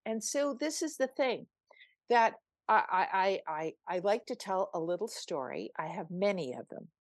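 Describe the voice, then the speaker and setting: An older woman speaks as a spiritual coach on a podcast, earnest and emphatic, often restarting her sentences. Her voice sits at a middle pitch. The sound is dry and close. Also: animated, moderate pace, no room sound. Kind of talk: podcast guest storytelling.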